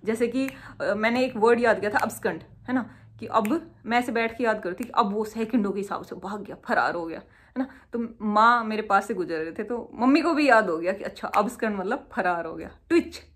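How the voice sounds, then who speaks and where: A woman's voice: mid-range voice, brisk, a bit bright, breathy edge. A young woman gives casual, self-mocking exam study tips, full of homely memory tricks. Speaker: exam prep tutor.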